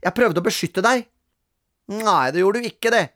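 A storyteller voicing a mischievous young boy who talks his way out of trouble in a loud, sly, persuasive way. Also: mid-range voice, animated, voice pushed up, natural voice.

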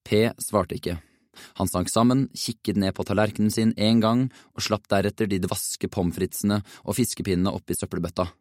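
A man narrating a children's storybook in an even, measured reading. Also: lowish voice, no room sound, clean studio sound. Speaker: audiobook narrator.

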